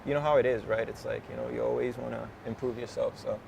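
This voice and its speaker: Twenties rapper guy, raspy fry in his voice, chill chat outside with light street noise. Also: medium pitch, quick pace. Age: 20s. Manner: relaxed, slangy, laughs often, drifts off topic. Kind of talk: casual interview chat.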